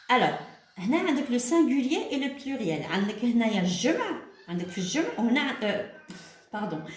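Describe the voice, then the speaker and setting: A woman with an Algerian accent teaching children, explaining step by step and dictating words slowly. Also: mid-range voice, roomy sound. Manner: switches between French and Arabic, explains step by step; slow, deliberate dictation of words. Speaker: primary school teacher. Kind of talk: homework lesson for children.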